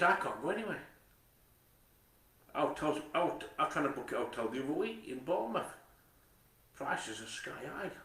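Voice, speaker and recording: An English vlogger with a Nottingham accent rambles to camera, swearing constantly, repeating himself and tripping over words. His mid-range voice is bright and forceful, captured from a distance in an echoey room.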